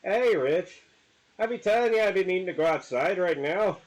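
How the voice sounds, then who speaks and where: A man voicing a rude, bossy male pet dog who gruffly demands to be let outside and threatens his owner. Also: high voice, animated, normal speed, pitched above the performer's own voice. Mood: demanding.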